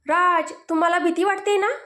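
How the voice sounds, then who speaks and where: Playful innocent young woman, teasing, high voice, read by the narrator; storybook. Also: steady tone, normal speed, sharp tone, soft background music. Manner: giggly, teasing.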